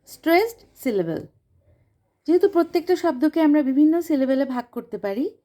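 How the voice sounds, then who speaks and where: A woman's voice: high-pitched, mellow. A woman with a Bangladeshi accent, an English teacher explaining a lesson and repeating each English line in Bengali.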